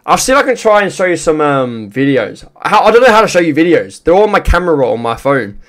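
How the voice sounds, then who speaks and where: A man's voice: on the high side, big pitch swings, quick pace. A man hosting a reaction video, talking casually to his chat, rambling and repeating himself.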